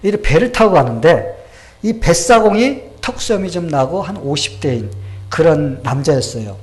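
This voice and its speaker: A man's voice: fairly high pitch, expressive, moderate pace. A male pastor preaching a sermon, telling a story and asking the congregation questions.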